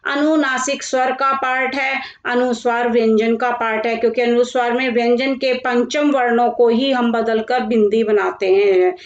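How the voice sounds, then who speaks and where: Woman teacher, slow and deliberate, pitched a little high, roomy and slightly dull recording. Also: fairly even intonation. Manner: slow, deliberate, spells out word lists one by one. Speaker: Hindi teacher. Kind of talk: classroom grammar lesson.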